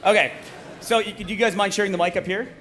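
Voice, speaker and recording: Fast and a bit bright, his high voice holds a steady tone while he hosts a live table read and ribs the audience in a playful way. The recording is a live stage PA feed with plainly audible background noise.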